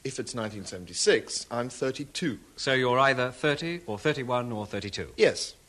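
A man's voice: medium pitch, lively intonation, moderate pace, fairly bright tone, natural voice. An actor playing a man in an English lesson dialogue, answering in a plain, methodical way.

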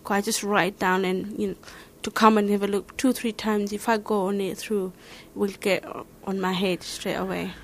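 Somali accent woman, stops and searches for words, mid pitch, interview answers. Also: little pitch movement, normal speed, hardly any pauses, background noise. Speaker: learner interviewee.

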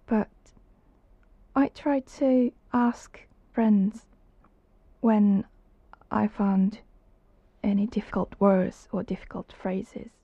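A woman from Japan speaks English with a Japanese accent in a slow, halting way. Her voice is dark and gravelly, with breathy moments. The sound is dry and a little dull. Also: mid-range voice, steady tone, dry recording. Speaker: interviewee. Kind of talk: personal account. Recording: slightly dull lo-fi recording.

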